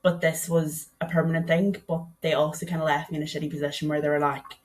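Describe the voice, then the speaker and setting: A young Donegal woman from Ireland chats away as a podcast guest, sharing her story and often saying "like". She talks fast in a low, slightly mellow voice with little pitch movement.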